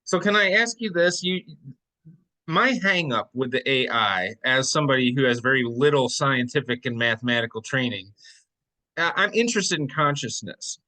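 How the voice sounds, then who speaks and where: A man's voice: medium pitch, expressive, moderate pace, pushed and bright. A man hosting an interview, asking curious, thoughtful questions. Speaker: interview host. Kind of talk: conversational interview.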